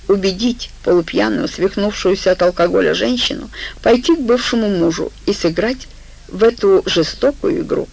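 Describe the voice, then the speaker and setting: Woman reading an audiobook, gravelly voice, steady mid pitch. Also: low-quality recording. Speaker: audiobook narrator. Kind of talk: scripted audiobook narration.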